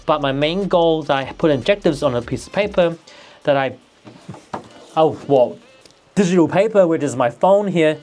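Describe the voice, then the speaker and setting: A man's voice: a little high, darkish tone. Nervous, hesitant man. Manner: hesitant, restarts and fillers, motivational. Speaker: vlogger. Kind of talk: casual talk to camera.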